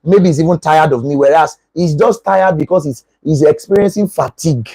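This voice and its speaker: Husky high-voiced Nigerian pastor. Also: male voice, fairly quick, dry recording, low-quality recording. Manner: animated, acts out dialogues. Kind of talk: relationship teaching.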